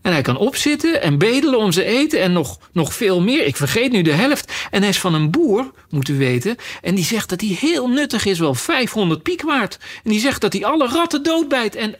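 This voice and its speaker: A man with a gravelly voice, voicing a curious, polite young girl who chatters eagerly and apologizes often. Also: high voice, measured pace, few pauses, pitched above the performer's own voice. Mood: chattering.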